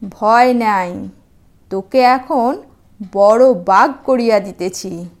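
Woman voicing a kindly, protective old sage, measured pace. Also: mid-range voice, voice pushed down. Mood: reassuring. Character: kindly old male sage reassuring his pet.

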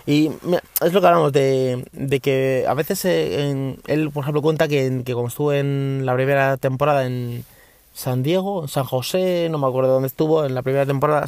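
A man's voice: mid-range voice, no room sound. A man from Spain, hosting a casual podcast from his parked car, rambling with frequent restarts and mild swearing. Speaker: podcast host. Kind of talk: casual chat.

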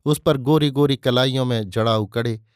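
A man's voice: medium pitch, fairly even intonation, normal speed, dry recording, clean studio sound. Man narrating a literary story. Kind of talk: scripted narration.

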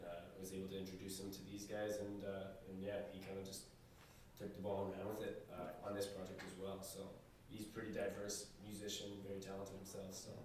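A man, a band member, chatting casually in an interview, relaxed and rambling, laughing easily. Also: low voice, brisk, noisy background. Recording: echoey room from far off.

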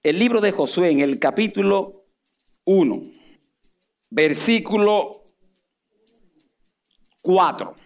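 A pastor preaches with a notably high voice for a man. He keeps asking his listeners questions and answering them himself, and he acts out the words of the people he quotes. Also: expressive, slow pace, pauses often. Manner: dramatic, acts out quoted speech. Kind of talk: sermon.

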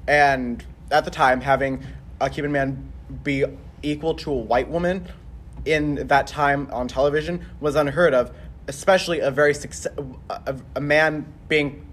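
Teasing young man, bit high voice. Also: moderate pace, a bit bright. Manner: teasing, interrupts with jokes. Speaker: podcast co-host. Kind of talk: casual chat.

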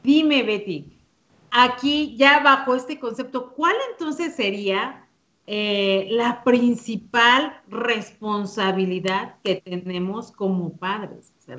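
A woman hosts a parenting radio program, with a fairly high voice. She asks thoughtful, guiding questions. The broadcast sounds dull and lo-fi. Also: sharp tone. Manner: reflective, asks guided questions. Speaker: radio host. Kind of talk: radio interview.

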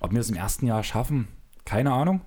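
A man with a medium-pitched voice co-hosts a casual chat podcast. He jokes and teases his partner, and he keeps the talk moving with questions. He is recorded indoors in a room with closed windows. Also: expressive, fairly quick, mellow. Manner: teasing, joking, drives the conversation with questions. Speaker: podcast co-host.

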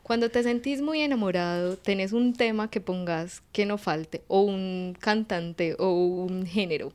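A woman with a Paisa Colombian accent hosting a casual interview, asking quick, slangy, playful questions. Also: medium pitch, darkish tone, clean tone. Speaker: interviewer host.

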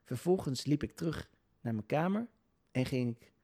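A man with a dark, mellow tone tells a personal story straight to the listener. His delivery is hesitant and unscripted, full of filler sounds and broken-off sentences that he restarts. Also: medium pitch, expressive, normal speed. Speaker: video creator telling a personal story.

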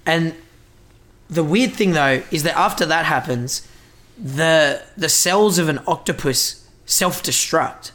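A man's voice: fairly high pitch, takes it slowly, bright, forceful tone. A man co-hosting a casual podcast chat, joking loosely and swearing freely. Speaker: podcast co-host.

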